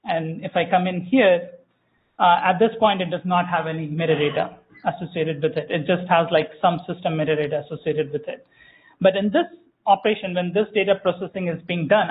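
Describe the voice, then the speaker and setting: High-voiced man demoing software, tinny audio. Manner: explanatory, many fillers and self-corrections. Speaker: tech speaker giving a software demo. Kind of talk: live conference demo walkthrough. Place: meetup room, small audience. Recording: tinny phone-like room audio.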